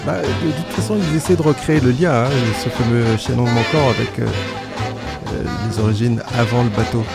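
A man's voice: medium pitch, steady tone, fairly quick, vocal fry. A man talking casually and enthusiastically about music on the radio. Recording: loud music behind.

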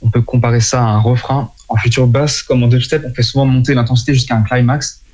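A man's voice: mid-range voice, steady tone, fast, a little mellow. French man explaining a music genre. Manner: explanatory, with small slips and apologies. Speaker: music presenter.

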